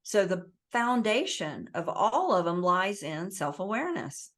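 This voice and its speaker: A woman's voice: medium pitch, sing-song, unhurried, a bit bright. A woman being interviewed as an author, talking earnestly in a coaching tone and acting out the voices she quotes. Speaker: author, guest. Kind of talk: interview conversation. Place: based in the Southwest US.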